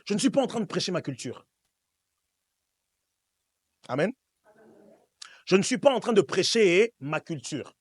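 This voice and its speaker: This Swiss preacher's voice is high-pitched, sing-song and husky, moving a little slowly with frequent pauses. Speaking straight to his congregation during a church service, he delivers a call-and-response sermon that is emphatic and full of repetition. No room sound is audible.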